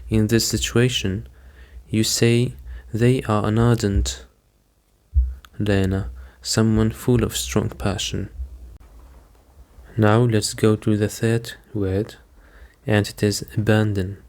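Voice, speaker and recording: A man teaching English vocabulary in a slow, deliberate lesson, repeating each word and giving examples. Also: lowish voice, little pitch movement, a little mellow.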